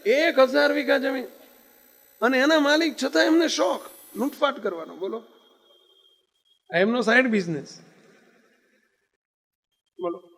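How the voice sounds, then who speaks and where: A man's voice: very high voice, a little slow, long pauses, a bit bright. A man preaching, telling a story in an emphatic sermon manner and throwing rhetorical questions at his listeners. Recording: long hall reverb.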